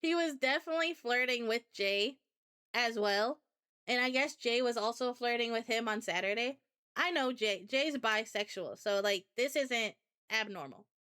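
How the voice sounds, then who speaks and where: A woman's voice: on the high side, expressive, normal speed, pushed and bright, clear, resonant tone. A woman streamer casually telling a rambling, chatty anecdote to her viewers. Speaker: VTuber streamer. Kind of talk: casual storytelling chat.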